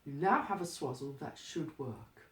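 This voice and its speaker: A woman's voice: low voice, animated, moderate pace. A woman giving step-by-step craft instructions in a plain, practical, instructive manner. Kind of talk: step-by-step how-to demonstration. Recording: roomy, echoey, distant microphone.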